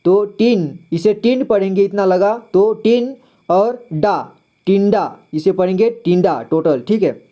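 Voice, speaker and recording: A man teaching a reading lesson, sounding out syllables slowly, repeating each word and quizzing the listener. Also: sits high, dark tone. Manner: patient, repeats words, quizzes the viewer. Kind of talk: slow classroom-style reading lesson.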